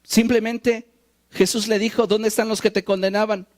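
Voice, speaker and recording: A man preaching a sermon, animated and wry, acting out the quoted lines he tells. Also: high voice, normal speed. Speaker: pastor.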